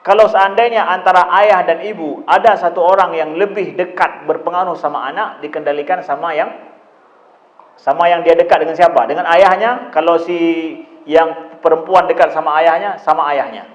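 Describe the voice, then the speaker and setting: Ustaz guy giving a parenting talk, kinda high voice, repeats himself a lot, echoey room. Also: steady tone, normal speed, muffled recording. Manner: repetitive, conversational, asks the audience rhetorical questions. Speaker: Islamic preacher answering parents' questions. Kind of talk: religious lecture on parenting.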